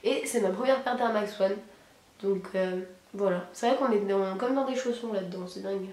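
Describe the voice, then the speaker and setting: A young Frenchwoman of high school age, hoarse and husky from a cold, chats slangily to camera as a sneaker vlogger showing off her purchases. Her voice is medium-pitched and darkish at a normal pace, recorded with roomy echo and music behind.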